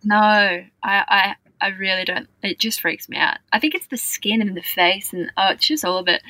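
A woman co-hosting a radio show in casual chat, playful with quick reactions and laughter. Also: medium pitch, sharp tone, no echo, rough recording.

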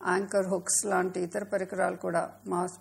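A woman's voice: lowish voice, little pitch movement, normal speed, creaky, slightly rough, full character voice. A woman voicing a big female dolphin in a children's story, stern, scolding and protective of sea creatures. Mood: grieving. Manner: scolding, urgent. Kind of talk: storybook voice acting.

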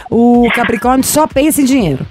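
A woman's voice: fairly high pitch, expressive, a little fast, a crowd in the background. A woman from Brazil, hosting a radio show with brash, teasing, playful banter. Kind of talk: bantering casual radio chat.

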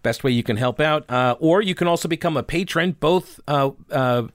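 A man hosting a talk podcast with a slightly harsh, hoarse voice, speaking informally and with opinion. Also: a little high, moderate pace, no room sound, clean studio sound. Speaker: radio and podcast host. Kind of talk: conversational talk show monologue.

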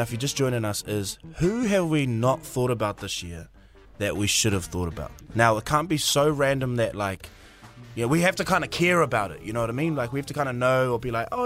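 A man's voice: mid-range voice, a bit bright. A man with a Māori-influenced New Zealand accent, hosting casual radio banter in an informal, slangy way. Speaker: radio host.

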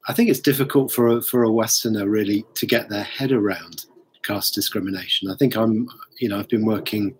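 A man's voice: on the low side, fairly even intonation, a little fast, slight background noise. A man answering interview questions thoughtfully, hedging with many fillers. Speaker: charity worker guest.

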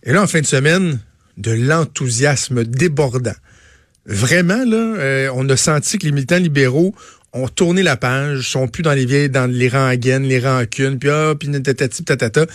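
A man's voice: mid-range voice, moderate pace, dry recording, clean studio sound. A man in his thirties with a Quebec French accent, hosting casual talk radio and often repeating words as he thinks. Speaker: radio host.

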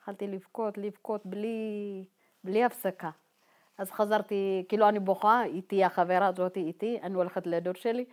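A woman from Ethiopia telling her own life story to a group in a halting, informal way, full of fillers and re-enacted dialogue. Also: mid-range voice, fairly even intonation, darkish tone. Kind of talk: personal testimony told to a group.

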